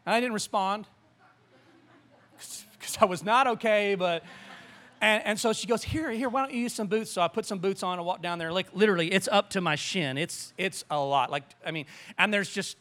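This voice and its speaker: Male preacher, high bright voice, animated storyteller, restarts often. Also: normal speed. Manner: animated, rambling with repeated restarts. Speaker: pastor. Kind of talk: sermon with storytelling.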